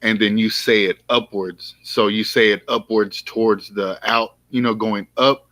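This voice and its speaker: A man's voice: fairly low pitch, fairly even intonation, a little slow, bright, forceful tone, no room sound. A man explaining things casually on a podcast. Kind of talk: casual chat.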